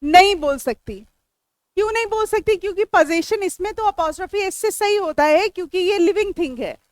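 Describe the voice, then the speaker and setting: A woman's voice: extremely high pitch, dry recording. A woman with an Indian accent, teaching English grammar to a classroom, explaining step by step and quizzing her students. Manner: chatty and joking with students. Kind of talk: classroom lecture.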